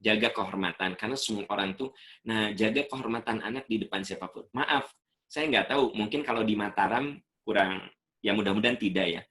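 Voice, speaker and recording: A middle-aged man giving an Islamic lecture, animated and fond of acting out what people say. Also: lowish voice, brisk. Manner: animated, acts out quoted speech. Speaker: invited Islamic speaker.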